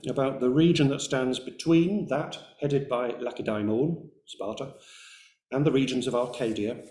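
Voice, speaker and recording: A man's voice: mid-range voice, moderate pace, darkish tone, roomy sound. A man giving an academic lecture, reading carefully from a script with brief hesitations. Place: lecture room.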